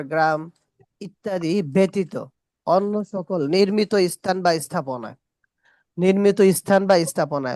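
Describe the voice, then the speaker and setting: Woman, English teacher, low voice, slow and deliberate, dry close sound. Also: a little mellow, dry recording. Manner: slow, repeats English phrases and asks the class questions. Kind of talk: classroom lesson. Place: classroom.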